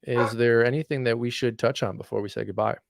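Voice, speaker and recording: A man's voice: medium pitch, fairly even intonation, quick pace, gravelly, dry recording, clean studio sound. A man co-hosting a casual fantasy baseball podcast, talking in a loose, rambling way with many fillers. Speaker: podcast co-host.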